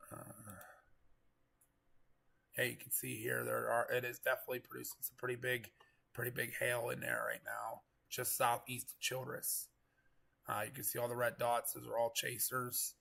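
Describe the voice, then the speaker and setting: Guy doing casual live storm commentary, super gravelly n congested like getting over a cold, kinda bright forceful tone. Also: medium pitch. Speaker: live weather stream host, storm chaser.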